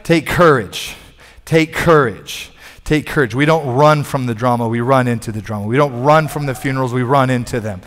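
A man's voice: medium pitch, normal speed. A middle-aged man preaching a sermon from a church stage on a headset mic, with emphatic, repetitive phrasing that builds in force. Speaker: pastor. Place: large church stage, indoors. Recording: long hall reverb.

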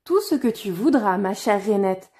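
A woman's voice: mid-range voice, lively intonation, moderate pace, mellow, close to an everyday voice. A woman voicing a spoiled, haughty young princess in a fairy-tale reading, lifting her voice for emphasis. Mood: eager. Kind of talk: storybook reading.

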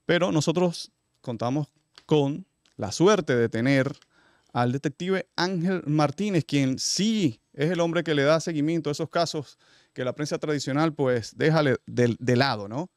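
A man's voice: a little high, a little slow, no echo. A man hosting a studio interview in a conversational way, with many fillers, speaking into a studio mic. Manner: conversational, filler-heavy questions. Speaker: show host.

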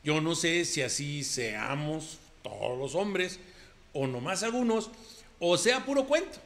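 A man's voice: on the high side, animated, slow pace, a bit bright. A Mexican man hosting a comedy video, signing off in a folksy, friendly way. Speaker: comedian host. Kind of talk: casual sign-off.

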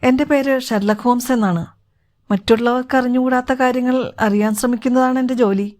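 Brief: woman narrator doing a calm, confident male detective, measured delivery, fairly high voice. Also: lightly acted. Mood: composed.

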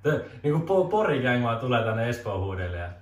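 Young man, mid-pitched voice, deadpan joking answers, echoey room, distant mic. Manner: deadpan mock answers, breaks into laughter. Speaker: guest answering questions. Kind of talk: casual joking interview. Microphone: camera mic from a distance. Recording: roomy distant camera audio.

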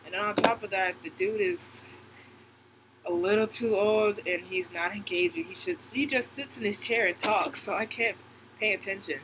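Brief: young man, high voice, wearing braces, candid filler-heavy vlog chatter, audible hum behind. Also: normal speed. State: speaking with braces on. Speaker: vlogger. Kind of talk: casual vlog update. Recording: audible background noise, air conditioning hum.

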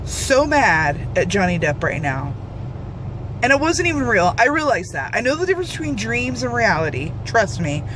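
Animated young woman, loud traffic behind. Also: fairly high pitch. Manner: animated, exaggerated indignation, sing-song. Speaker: vlogger. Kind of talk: casual vlog chat.

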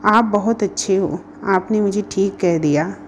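A woman's voice: mid-range voice, unhurried, slight background noise, close to an everyday voice. A woman voicing an innocent, slightly proud little girl in a read-aloud storybook, with childlike pleading questions.

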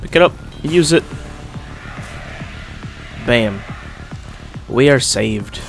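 This young YouTuber's let's-play commentary comes out extremely slow and expressive, in a mid-range voice with vocal fry and faint music behind. He's on the mend from being sick, a bit congested, and speaking with a swollen lip.

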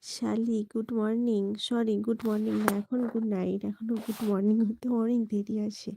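A woman from West Bengal hosting a late-night live stream from home on her phone, talking softly and hushed while she greets viewers by name and asks them to like and subscribe. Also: on the high side, flat delivery, normal speed, creaky, slight background noise, low-quality recording. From West Bengal, India. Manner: soft, hushed talk near a whisper.

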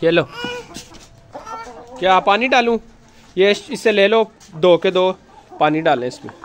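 Out on a rooftop among chicken coops, a man shoots first-person video of his chickens on his phone and guides children gently as they feed them. His high voice is expressive and a little slow, and he often coaxes the kids while narrating casually.

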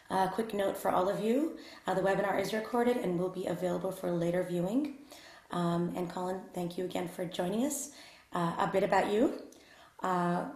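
A woman's voice: mid-range voice, darkish tone. A woman with a mid-range voice hosts a webinar, introducing the speaker in a polite, formal manner with frequent fillers. Her voice carries a noticeable room echo. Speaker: webinar host.

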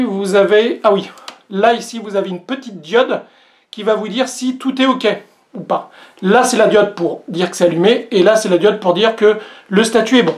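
A vlog host doing a casual unboxing demo, talking straight to viewers, with many hesitant fillers and a joke about their own English accent. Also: medium pitch. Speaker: host reviewing a product.

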